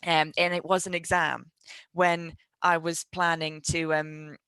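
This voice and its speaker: A woman, co-hosting a casual livestream, chatty and quick to laugh, repeating words as she tells a story. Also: low voice, level tone, fairly bright tone, smooth, no room sound. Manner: chatty, laughs easily, repeats words when telling stories. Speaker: library livestream co-host. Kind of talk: casual chat.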